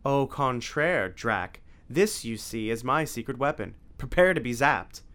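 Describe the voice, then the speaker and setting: A man's voice: mid-range voice, lively intonation, a little slow, fairly bright tone, clear, resonant tone. A man voicing a cocky, wisecracking teenage boy who jokes brashly.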